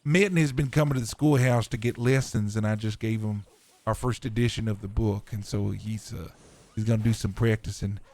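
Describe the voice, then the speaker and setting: A man's voice: fairly low pitch, fairly even intonation, brisk, darkish tone, no room sound, lightly acted. A man playing an earnest, folksy frontier preacher and schoolteacher in a live roleplay. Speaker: roleplay streamer.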